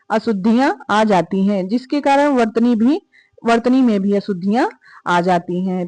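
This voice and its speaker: A woman's voice: on the high side, darkish tone, no echo. A woman teaching an exam prep lesson, repeating each answer and quizzing her listeners aloud. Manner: repetitive, drilling questions and answers aloud.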